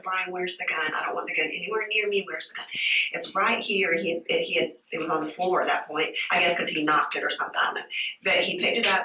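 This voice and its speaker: A woman's voice: on the low side, bright, forceful tone, slight background noise. Shaken woman in a roomy interview tape. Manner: halting, repeats herself, many fillers. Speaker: witness giving a statement. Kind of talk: recounting an ordeal to investigators. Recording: roomy, distant, dull interview-room tape.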